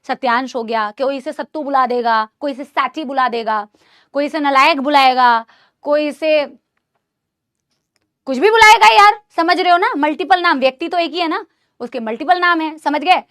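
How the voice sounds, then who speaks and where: A young woman teaching a live online biology class, chatty, repeating terms slowly for students to say along and scolding them for chatting. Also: high voice, fairly bright tone, no room sound, clean studio sound. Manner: drills pronunciation, chatty and scolding.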